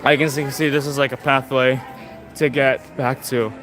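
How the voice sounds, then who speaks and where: Chatty young man, loud music behind. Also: medium pitch, little pitch movement, moderate pace. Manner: rambling, chatty, lots of fillers. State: out of breath. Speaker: vlogger livestreaming a theme park walk. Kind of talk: casual live walkthrough commentary. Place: outdoors at a theme park. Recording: phone livestream outdoors with loud music. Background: loud park music.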